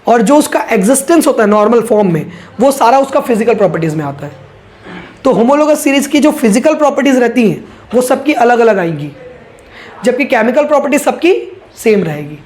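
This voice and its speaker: An animated man with an extremely high, slightly mellow voice speaks briskly as he teaches a chemistry class. His casual lecture style has him asking rhetorical questions, answering them himself and repeating key points.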